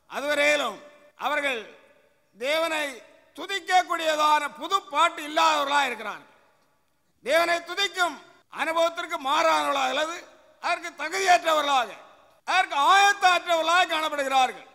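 A man's voice: very high-pitched, creaky, sharp tone. A male pastor preaching a sermon in a church, emphatic and repetitive, posing questions and answering them himself. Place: church sanctuary. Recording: echoey church hall.

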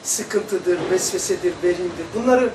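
A man with a high-pitched voice leads a casual religious lesson, animated and rambling as he talks straight to the people in the room. He sounds some distance from the mic in a roomy space, with a faint background hum behind him. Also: moderate pace. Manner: animated, chatty, digressive, addresses the room directly. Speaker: religious teacher. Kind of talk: informal religious lesson with live demonstration. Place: room with a small audience.

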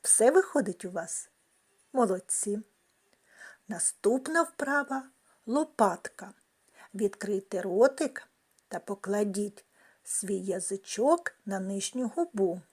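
A woman teaching young children a speech-sounds lesson, talking slowly and carefully in a sing-song way. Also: medium pitch, animated, darkish tone, breathy edge. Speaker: kindergarten teacher.

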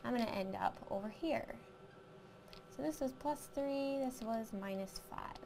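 A woman's voice: a little high, a little slow, gravelly, a little mellow, a little hiss or hum. Woman teaching a math lesson. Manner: explains step by step, counting aloud and asking questions.

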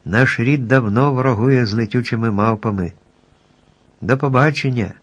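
A dignified fairy queen of the field mice speaks with calm grace, voiced by a male audiobook reader. Her voice is steady and unhurried, giving courteous advice in a storybook tale. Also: medium pitch, husky, natural voice. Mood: gracious.

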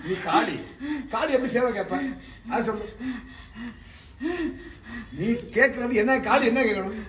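A very high-pitched man with a Tamil Nadu accent runs an exorcism, firing sharp questions and orders. He is heard from far off in an echoey shrine room, with faint noise behind him. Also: a little slow. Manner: interrogating, commanding, repeats sharp questions. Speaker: exorcist and spiritual healer. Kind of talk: exorcism ritual. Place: temple shrine.

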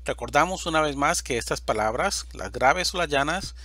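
A man teaching a slide-based Spanish grammar lesson, speaking slowly and deliberately and stressing each example word loudly. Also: fairly high pitch, expressive, no room sound.

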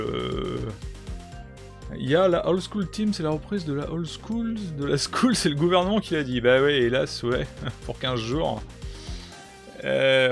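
A young man commentates his live game stream in a relaxed, chatty way, greeting viewers and filling pauses with hesitations. His voice has a gravelly edge at a middle pitch. Faint game music plays underneath. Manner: chatty, greets chat viewers, many fillers.

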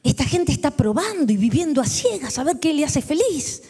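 A woman pastor from Argentina with a Rioplatense accent, preaching a sermon that moves between hushed tenderness and loud exclamation. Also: sits high, very animated, fairly quick, soft background music. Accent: Rioplatense Spanish. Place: large church hall. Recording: echoey hall with long reverb.

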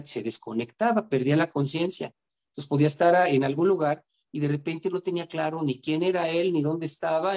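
A middle-aged man, a therapist earnestly telling a story from his practice and often pausing to seek agreement. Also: a little high, dark tone. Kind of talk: storytelling talk.

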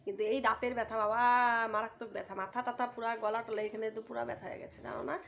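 A woman's voice: fairly high pitch, racing, vocal fry, slight background noise. Chatty woman vlogger at home. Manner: chatty, animated, addresses viewers as brothers and sisters. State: swollen face from toothache. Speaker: village vlogger. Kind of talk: casual vlog chat to viewers.

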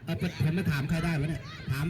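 A man's voice: steady tone, fast talker. A man giving chatty local football commentary at an outdoor field, joking with people nearby. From Thailand. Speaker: match commentator. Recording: loud crowd at a pitch.

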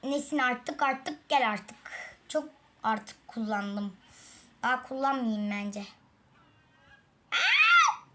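This let's-play host talks to her audience in a slow, slightly high, somewhat bright voice, sighing through repeated falls and recounting her fails. The casual commentary is captured on a tablet.

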